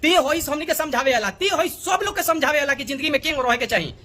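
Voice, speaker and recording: This very high, bright and forceful voice moves quickly as a man with a Bhojpuri accent pleads angrily to the camera in a video. He often repeats himself for emphasis.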